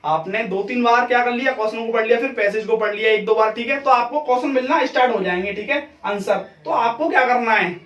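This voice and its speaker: A man's voice: very high-pitched, fast, few pauses, a bit bright. Male teacher, exam tips lesson, keeps saying "theek hai", roomy echo, distant mic. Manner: repeats "theek hai" constantly. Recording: echoey room, mic far off.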